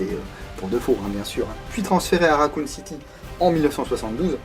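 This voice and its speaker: Man, chatty video host, casual product review, lots of hesitation fillers, mid-pitched voice, faint music underneath. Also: a little mellow. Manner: chatty, frequent hesitation fillers, self-deprecating asides.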